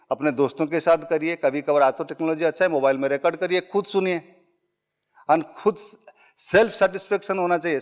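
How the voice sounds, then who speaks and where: A middle-aged man giving a conversational public speaking workshop to a live audience, mixing English phrases into his talk and illustrating points with everyday examples. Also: on the high side.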